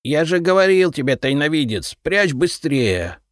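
Brash, smug treasure-finder, voiced by a man, lively and bouncing, dry close mic. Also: medium pitch, moderate pace, no echo, pitched above the performer's own voice. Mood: defiant, cocky. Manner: defiant, argumentative. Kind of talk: audiobook character reading.

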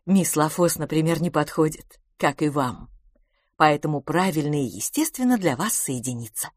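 A woman reading an audiobook, voicing a prim, earnest middle-aged spinster who speaks in a measured way. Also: low voice, expressive, no room sound, studio quality.

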